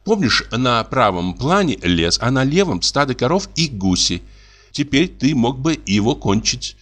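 A man's voice: medium pitch, sing-song, unhurried, fairly bright tone, pitched above the performer's own voice. A man voicing a despairing young woman who pleads and sobs in a literary audiobook. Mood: coaxing. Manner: pleading and sobbing.

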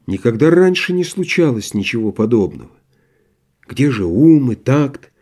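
A man narrating a literary audiobook in a measured, even storytelling manner. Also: mid-range voice.

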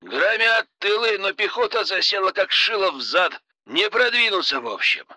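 A male narrator puts on a young soldier reporting over an old field telephone, his voice pitched high above his own and cutting sharply through the line. He speaks in crisp, dutiful military phrases. The sound is dry and close, with no room around it. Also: animated, moderate pace, pushed and bright, no echo, full character voice. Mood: hoarse brisk.

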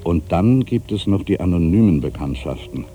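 A man performs a literary dramatic monologue as an ageing, solitary writer, proud and wry, brooding and questioning himself as he swings from mutters to outbursts in a musing, wistful mood. His voice sits low, mellow and expressive at normal speed, with a little hiss or hum.

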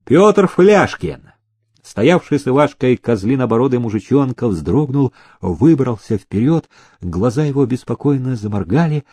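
A man reading a historical story aloud in measured, expressive narration. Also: medium pitch, breathy edge, no echo. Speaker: audiobook narrator. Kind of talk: scripted narration.

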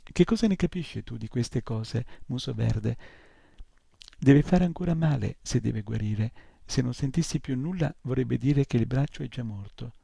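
A man voicing a gruff, sharp-tongued old female gnome healer who scolds and cuts people off, with a gravelly, husky voice. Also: medium pitch, normal speed, no echo, clean studio sound. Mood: scolding. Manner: brusque and scolding.

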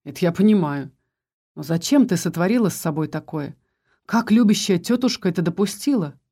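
A teasing, protective young husband who keeps pressing with questions, as a woman reads his lines. The voice is mellow and soft-edged, close to the narrator's own, in a storybook reading. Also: lowish voice, expressive, fairly quick, breathy edge.

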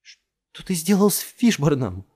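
A man's voice: mid-range voice, lively intonation, moderate pace, mellow, slightly rough, voice pushed up. A man voicing a frightened, urgent young woman. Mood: tense. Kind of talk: audiobook character voice.

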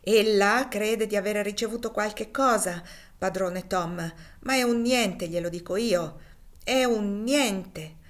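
A woman reading aloud and voicing a cruel, mocking male slave owner with a loud, taunting delivery. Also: mid-range voice, measured pace, close to an everyday voice.

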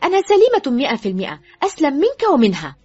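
Woman doing a shrill reckless teenage girl. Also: sing-song, rapid-fire, breathy edge. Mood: defiant. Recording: dull lo-fi with faint music.

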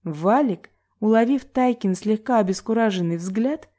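A woman reading a novel aloud in an even, measured storytelling manner. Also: mid-range voice. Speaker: audiobook narrator.

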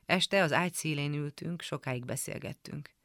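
A woman reading a literary memoir aloud for radio in a calm, measured storytelling manner. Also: low voice, no echo, clean studio sound. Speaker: radio reader. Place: radio studio.

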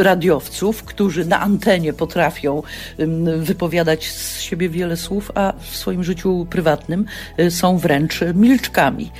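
A woman's voice: on the low side, darkish tone. A woman child psychologist explaining child development in a reassuring, explanatory way in a radio interview.

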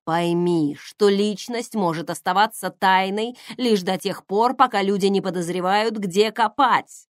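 A woman's voice: medium pitch, a little slow, few pauses, dry recording, studio quality, natural voice. A woman doing an exasperated colonel brother. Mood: lecturing. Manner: gruff, exasperated, raised voice. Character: stern male colonel, exasperated older brother.

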